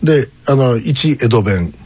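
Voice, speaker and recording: A husky-voiced man from Kumamoto co-hosts a casual radio chat. He tells stories with a wry, deadpan touch and long, drawn-out pauses. His pitch swings widely up and down as he talks.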